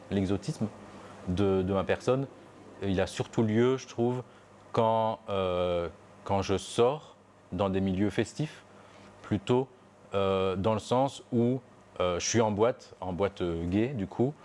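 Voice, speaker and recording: There's slight background noise as a young man from Belgium, the interviewee, slowly recounts a personal testimony in a low, darkish voice. He is hesitant and reflective, with many fillers and false starts.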